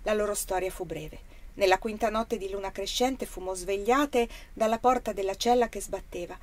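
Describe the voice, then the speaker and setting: Woman reading a novel aloud. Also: medium pitch. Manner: measured, expressive reading. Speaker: audiobook reader. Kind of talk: scripted narration.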